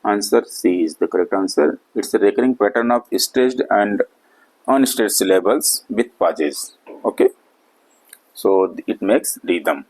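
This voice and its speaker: A male lecturer works through exam questions at a very slow, deliberate pace. His voice sits slightly low, and he drops into rapid Hindi asides to explain each answer. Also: animated, a little mellow, low-quality recording. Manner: reads questions slowly then explains in quick Hindi asides. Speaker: English literature lecturer. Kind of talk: exam-prep lecture in Hindi-English mix.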